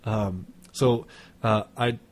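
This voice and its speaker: A man's voice: lowish voice, steady tone, a little hiss or hum. Sick, stuffed-up man hosting a webinar. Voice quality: congested, nasal. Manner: halting, repeats words while searching for them. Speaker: webinar host. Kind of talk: casual webinar introduction.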